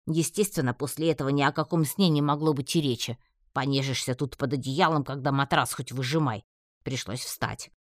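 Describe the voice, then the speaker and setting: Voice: mid-range voice, fairly even intonation, fairly quick, no room sound. Audiobook narrator, dry close sound. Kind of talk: first-person audiobook narration.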